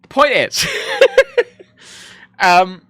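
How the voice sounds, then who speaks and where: A man's voice: extremely high pitch, wildly swooping pitch, very slow, fairly bright tone, no room sound. A man born in Ireland and raised in England, a drunk livestreamer rambling casually, swearing a lot and poking fun at himself. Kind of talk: casual rambling stream chat.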